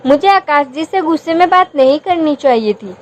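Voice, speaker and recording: A woman's voice: sits high, expressive, normal speed, dull audio. A woman voicing a young wife who pleads and apologizes tenderly in a storybook reading. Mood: pleading.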